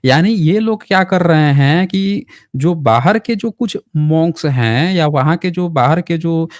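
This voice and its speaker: A man's voice: fairly high pitch, a little slow, dry recording, studio quality. A man hosting a heated live debate, arguing insistently and pressing his opponent with repeated pointed questions.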